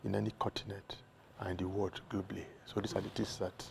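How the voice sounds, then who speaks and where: Nigerian man, doctor guest, very gravelly low voice, measured explanations. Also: level tone, darkish tone, a little hiss or hum. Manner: measured, lists examples one by one. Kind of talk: explanatory interview answers.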